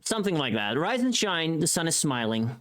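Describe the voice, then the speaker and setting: Chatting with viewers a little fast, this livestreamer and voice pack creator has a mid-pitched, highly animated voice, with slight background noise. The talk is playful and meandering, thought up on the spot and peppered with swearing.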